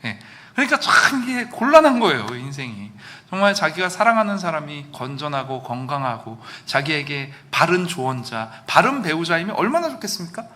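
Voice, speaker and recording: Animated bright-voiced male pastor preaching. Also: fairly high pitch, a little fast, few pauses. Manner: animated, acts out quoted lines with sudden loud outbursts. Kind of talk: sermon. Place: church sanctuary.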